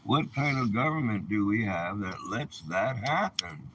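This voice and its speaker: In a personal vlog, a man in his 70s airs his grievances indignantly and emphatically, firing off rhetorical questions. He speaks in a fairly low, expressive, unhurried voice against a noisy background.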